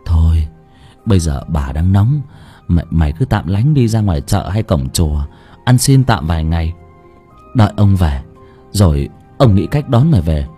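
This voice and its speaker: A man's voice: low-pitched, big pitch swings, moderate pace, husky, faint music behind, voice pushed down, heavily acted. Man doing a stammering timid servant. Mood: urging. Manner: stammering, hushed.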